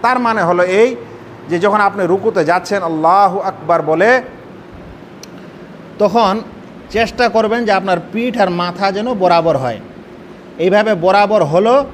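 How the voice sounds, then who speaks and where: High-voiced man teaching in a reverberant hall. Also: unhurried, long pauses. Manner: explains step by step, asks the audience rhetorical questions. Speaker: Islamic scholar teaching prayer. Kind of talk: sermon-style religious lesson. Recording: hall reverb, faint rumble.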